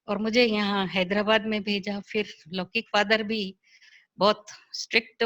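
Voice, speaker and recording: Middle-aged woman, spiritual sister, animated testimony with acted-out quotes, slightly high and bright voice, video call. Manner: lively, acts out quoted dialogue. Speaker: spiritual sister sharing her experience. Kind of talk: personal testimony storytelling.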